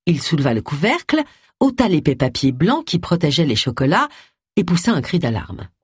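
Expressive audiobook narrator, husky voice. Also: medium pitch, moderate pace, dry recording, studio quality. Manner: expressive storytelling. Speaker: audiobook reader. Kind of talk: scripted narration.

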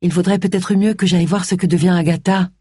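A woman's voice: fairly low pitch, fairly even intonation, fast talker, mellow, breathy edge, dry recording, studio quality. A woman voicing a cautious, worried young woman in an audiobook. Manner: worried, pleading.

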